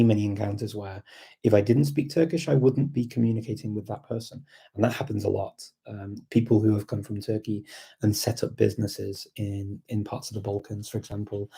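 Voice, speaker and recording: A livestream host who is also learning a language speaks in a lowish, dark, husky voice with vocal fry. Hosting a casual live chat, he thinks aloud reflectively and hesitantly, often repeating words.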